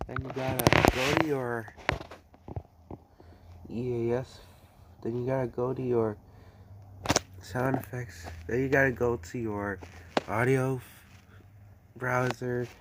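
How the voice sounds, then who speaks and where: Over loud background noise and clicking, a tutorial host walks through a casual screen recording. His voice is medium-pitched and level, and he takes his time, leaving long pauses while hesitantly restarting and repeating himself.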